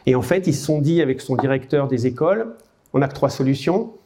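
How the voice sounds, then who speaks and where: Lively French lecturer, man, mellow voice. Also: medium pitch, fairly quick. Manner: conversational, lively, frequent "hein" and "bah". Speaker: university lecturer and teacher trainer. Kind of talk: lecture to an audience.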